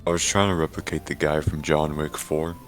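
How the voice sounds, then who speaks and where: A young man in a let's-play chat, delivering dry, deadpan jokes. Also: a bass voice, a little fast, faint music behind. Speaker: guest player. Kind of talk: casual let's-play banter.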